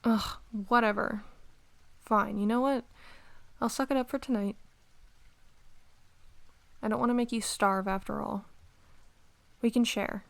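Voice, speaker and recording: A woman playing a prickly, bossy young female rival who grudgingly cares, in an ASMR role-play audio drama, grumbling and conversational with a creaky voice. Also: on the high side, fairly even intonation, a little slow, long pauses. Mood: grudging, giving in.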